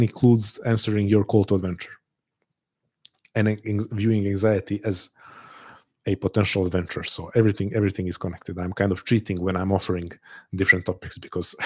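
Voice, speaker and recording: The man's voice is low and darkish with a breathy edge. He's hosting a live online call and speaking reflectively to listeners, earnest and thoughtful, repeating words and starting phrases over as he thinks aloud.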